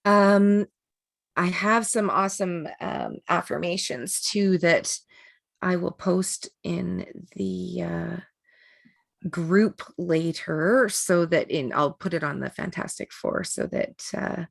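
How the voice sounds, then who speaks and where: A woman with a gravelly, creaky edge to her voice leads an energy work class over a video call. She talks in a chatty, rambling way, full of fillers and little laughs. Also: lowish voice, slow pace. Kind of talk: casual online class talk.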